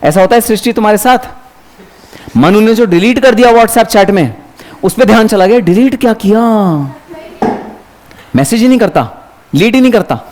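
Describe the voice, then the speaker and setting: Guy teaching a revision class, lively and chatty, kinda high-pitched. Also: normal speed, pauses often. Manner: lively, chatty, addresses students by name, mixes English terms. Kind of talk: exam revision lecture to students.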